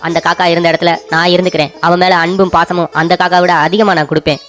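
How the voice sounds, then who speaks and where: A man's voice: high-pitched, little pitch movement, fast, a bit bright, soft background music. A man voicing a silly, devoted husband in a cartoon story, whiny and repeating himself. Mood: wailing. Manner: whiny, repetitive.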